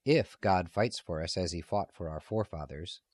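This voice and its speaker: Man reading as quiet devout woman, soft-spoken, lowish. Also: moderate pace, no echo, clean studio sound.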